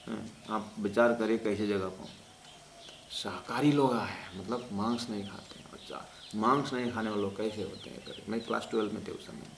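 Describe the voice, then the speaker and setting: Gravelly-voiced male teacher telling a story. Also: fairly low pitch, steady tone, moderate pace. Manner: rambling, with self-corrections and hesitant fillers. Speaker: religious teacher. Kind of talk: anecdotal storytelling in a class. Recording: roomy echo, faint background noise.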